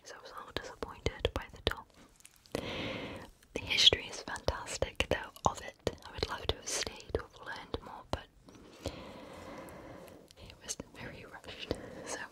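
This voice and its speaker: A woman whispering softly and very close to the microphone in an ASMR style, chatting casually and reflectively about her travels. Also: a little slow, long pauses. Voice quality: soft unvoiced whisper. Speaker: ASMR creator.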